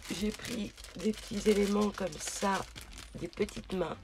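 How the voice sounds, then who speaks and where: In a casual video, a woman shows off her craft shopping haul, often pausing hesitantly to find words. Her voice is medium-pitched, fairly even, and measured in pace. Noticeable background noise comes from rustling, crinkling packaging.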